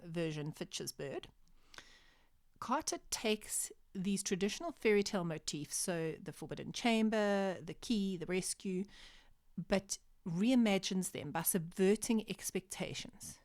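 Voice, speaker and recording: A woman giving a literature lecture to her students, explaining clearly with measured pauses for emphasis. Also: on the low side, dry recording, studio quality.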